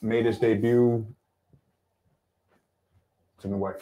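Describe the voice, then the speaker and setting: A man's voice: fairly low pitch, little pitch movement, slow, dark tone. A man co-hosting a fight podcast, giving a plain commentator-style rundown of fighters' records and skills. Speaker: podcast co-host. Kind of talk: casual fight-promotion podcast chat.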